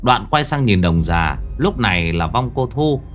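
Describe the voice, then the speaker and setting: A man's voice: fairly low pitch, a little slow, faint music behind. A man narrating a ghost story in a dramatic storytelling manner. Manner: dramatic, animated.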